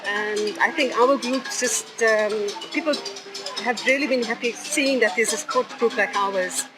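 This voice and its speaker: A woman from a support group answering hesitantly and softly, with many fillers. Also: a little high, measured pace, music in the background, low-quality recording.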